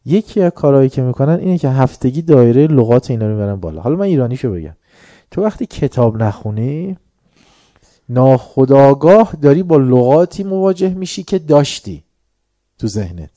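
A man's voice: mid-range voice, very animated, mellow, no echo, clean studio sound. A man giving an informal religious talk to an audience, conversational and joking, often mimicking other people's voices. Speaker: religious lecturer.

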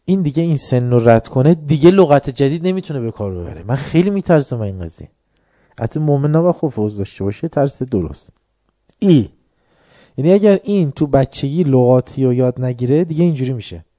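Guy with a super dark mellow voice doing a chatty joking religious talk, dry close sound. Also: mid-range voice, lively intonation, no echo. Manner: conversational, joking, mimics voices. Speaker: religious lecturer. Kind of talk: informal religious talk to an audience.

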